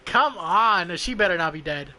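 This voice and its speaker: A game streamer with a high-sitting, animated voice talks at normal speed over a clearly noisy background. His casual gameplay commentary is blunt and foul-mouthed, and he often mutters to himself.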